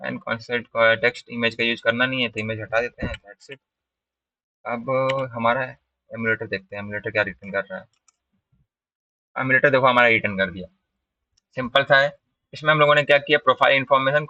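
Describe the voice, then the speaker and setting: A man's voice: mid-range voice, bright, forceful tone, dry recording. A man giving a step-by-step programming lecture over a screen recording, often checking in with the viewer. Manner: explains step by step, often asks "ठीक है?". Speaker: programming instructor. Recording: dull, slightly distant dry mic.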